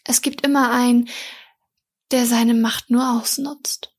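A woman's voice: a little high, little pitch movement, slow, breathy edge. A woman reading the lines of a bitter, defiant young water girl with a dry, weary manner. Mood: wry.

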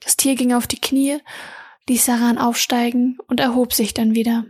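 A woman reading her own fantasy story aloud, narrating softly and often half-whispering. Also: on the high side, flat delivery, normal speed, breathy edge. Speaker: reader and author.

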